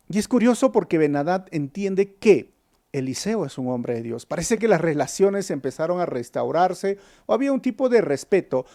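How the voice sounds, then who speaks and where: Male pastor, fairly high gravelly voice, earnest storyteller leading a Bible study. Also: dark tone. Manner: earnest, storytelling, addresses listeners as brothers. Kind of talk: expository Bible teaching.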